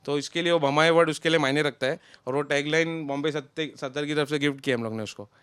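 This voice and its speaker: A young man talks casually as an interview guest, running one thought into the next. His voice is smooth and slightly high. It sounds close and dry, with no room around it. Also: fast talker, no echo. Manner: relaxed, talks in loose run-on sentences. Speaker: interview guest, friend of a contestant.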